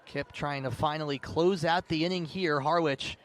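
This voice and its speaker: Pitched a little high, his voice stays steady at a normal pace while he does live radio play-by-play outdoors at a sports field or ballpark. He walks listeners through the action in detail, lifting his energy for big plays, and faint background noise can be heard.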